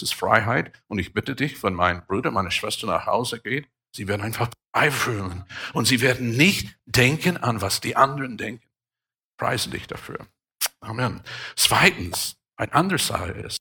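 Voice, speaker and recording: A middle-aged man, a pastor, preaching a sermon with emphatic, sudden loud rises. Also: medium pitch, vocal fry, husky.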